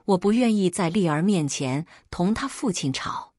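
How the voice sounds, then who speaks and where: Husky woman narrating a story. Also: lowish voice, moderate pace, no room sound, clean studio sound. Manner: expressive, acts out dialogue. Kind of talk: first-person scripted narration.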